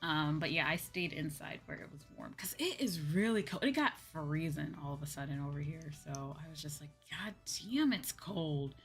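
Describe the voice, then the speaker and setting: With faint music in the background, the VTuber's low voice stays animated at a normal speed, barely pausing. She's a young woman casually chatting with her viewers, rambling hesitantly and repeating herself often.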